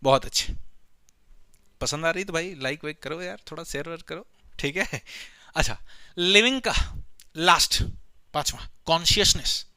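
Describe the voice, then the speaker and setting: A man with a slightly high, bright, forceful voice teaches a biology classroom lecture playfully, repeatedly asking questions and answering them himself while calling his listeners his children. The recording is dry.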